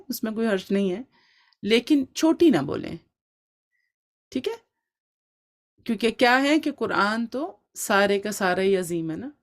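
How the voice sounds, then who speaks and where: A woman teaching Quran recitation in an online class, with speech, explaining step by step and checking in often with her students. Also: medium pitch.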